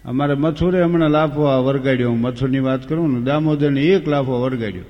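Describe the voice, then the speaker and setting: A man's voice: mid-range voice, fairly quick, dull audio. A man telling folk comedy stories on stage, with a rustic, anecdotal delivery. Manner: rustic anecdotal delivery, acting out characters' lines. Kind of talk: stage humorous storytelling. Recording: long hall reverb.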